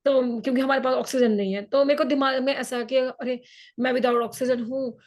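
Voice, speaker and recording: A woman's voice: high-pitched, fairly even intonation, normal speed. A woman mountaineer from India, recounting her climb in an interview. She talks earnestly, mixes English words into her speech, and has a sore throat. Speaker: mountaineer guest. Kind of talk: interview, personal storytelling.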